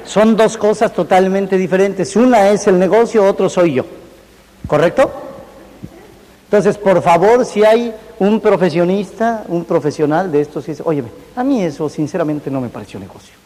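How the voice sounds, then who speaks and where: A man's voice: high-pitched, moderate pace, mellow. A man giving a humorous business seminar, joking and speaking directly to a live audience. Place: large hall with a live audience. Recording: reverberant hall, faint noise.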